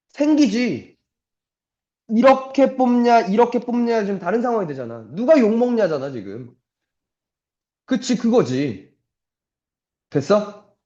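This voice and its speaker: A young math tutor gives a casual classroom lecture, blunt and chatty, swearing casually and constantly stopping to check that students follow. His voice is a little high with lots of pitch movement and a mellow, dark tone. The recording sounds roomy and dull, like a lo-fi classroom capture.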